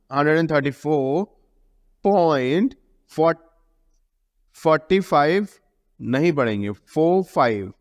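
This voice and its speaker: Male math teacher, slightly high voice, lingering reverb, questions and answers himself. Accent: Indian English. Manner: repeats key terms, asks and answers own questions; mixes English terms into Hindi explanation. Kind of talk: classroom lesson explanation. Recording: long reverb.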